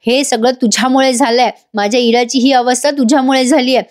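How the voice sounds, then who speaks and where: A woman's voice: sits high, fairly even intonation, a little fast, darkish tone, natural voice. A woman voicing a furious, vengeful middle-aged mother who accuses and threatens a girl, in a serial recap.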